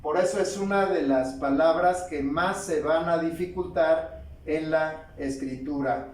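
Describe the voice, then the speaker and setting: Slow, deliberate male teacher in an echoey room. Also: on the high side, a little mellow, recorded from a distance. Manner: slow, deliberate, asks and answers his own questions. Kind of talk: spoken grammar lesson.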